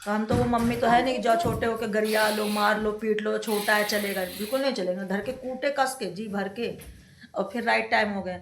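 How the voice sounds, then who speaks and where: A woman's voice: medium pitch, steady tone, normal speed, music in the background. A woman, a mother, talking casually to camera at home in a chatty way, and sometimes scolding her kids. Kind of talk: casual home vlog narration. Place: indoors at home. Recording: echoey room with faint noise.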